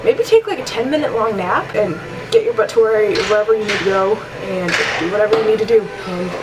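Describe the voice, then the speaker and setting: A woman's voice: mid-range voice, animated, fairly quick, low-quality recording. A young adult woman talking informally and chattily as a fitness vlogger, with some self-deprecating asides. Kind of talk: casual instructional vlog talk.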